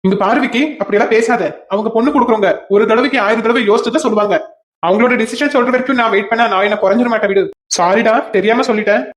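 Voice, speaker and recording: A performer voicing a calm, polite young man in a cartoon, speaking steadily with a Kanyakumari Tamil accent. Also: medium pitch, racing, echoey room, natural voice.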